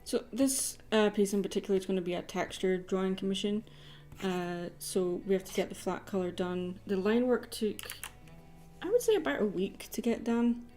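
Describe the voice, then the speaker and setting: A woman commission artist hosts an art livestream, chatting casually and informally while she draws. Her mid-range voice has a dark tone and a moderate pace, and music plays in the background.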